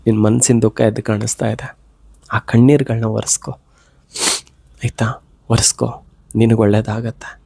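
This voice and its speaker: A man with a fever, giving an earnest devotional pep talk straight to the viewer, pleading and gently coaxing. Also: mid-range voice, little pitch movement, moderate pace, vocal fry, long pauses, husky, no room sound. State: unwell with a fever. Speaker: devotional motivational speaker. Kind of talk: direct heartfelt address to the viewer.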